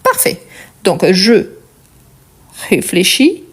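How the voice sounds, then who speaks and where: A woman's voice: medium pitch, huge pitch swings, extremely slow, husky. A woman with a Portuguese accent teaching a French conjugation lesson, explaining patiently step by step and checking in often with the learner.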